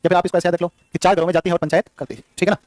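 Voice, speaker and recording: A man teaching geography in a live class, firing quick questions at students and repeating the answers, with playful scolding. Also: sits high, level tone, darkish tone, no room sound.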